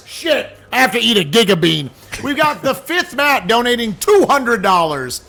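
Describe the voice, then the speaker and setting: A man hosting a charity livestream, excitable, reading donations aloud and reacting loudly. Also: very high-pitched, moderate pace, gravelly, soft background music. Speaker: charity stream host. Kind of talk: casual livestream chat.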